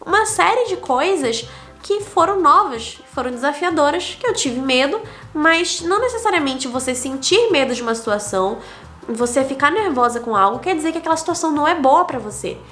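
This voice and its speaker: A young Brazilian woman with a Brazilian Portuguese accent talks a little fast in a high, fairly bright voice with big pitch swings. As a digital nomad vlogger, she gives a candid, reflective, casual monologue, numbering each lesson.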